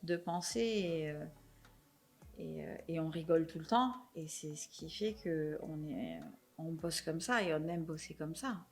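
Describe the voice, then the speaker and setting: A young adult woman from France, hosting a podcast in relaxed, talkative conversation with a guest. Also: sits low, measured pace. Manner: chatty, self-described chatterbox. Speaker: podcast host. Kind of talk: casual chat.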